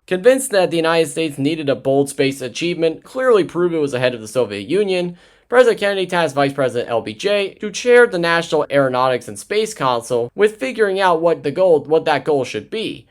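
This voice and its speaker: A man's voice: on the high side, big pitch swings, brisk, soft background music. A man narrating a history documentary casually, with chatty asides and frequent self-corrections. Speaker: history video host.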